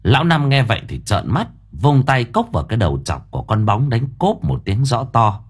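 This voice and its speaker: A man narrating an audiobook story in a dramatic, expressive storytelling manner. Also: medium pitch, brisk, slightly rough.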